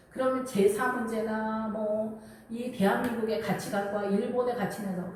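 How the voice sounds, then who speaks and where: A woman's voice: a little high, darkish tone, a little hiss or hum. A middle-aged woman pastor giving a sermon in a conversational way, weaving in personal stories and acted-out inner thoughts. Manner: conversational preaching with personal anecdotes and quoted inner voices. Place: church sanctuary. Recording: echoey room, voice from a distance.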